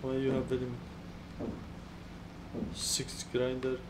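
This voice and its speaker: A man playing an online survival game with friends, chatting casually, swearing and shouting when things go wrong. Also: mid-range voice, completely flat delivery, slow, background noise. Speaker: gamer streaming with friends. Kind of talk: casual gaming chat.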